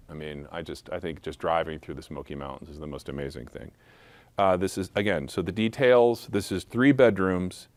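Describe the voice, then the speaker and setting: A man with a deep, low voice runs a benefit auction, calling bids and tossing in playful jokes as he goes. The sound is dry and close, with no room echo. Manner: playful, joking asides between bids. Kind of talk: live charity auction calling.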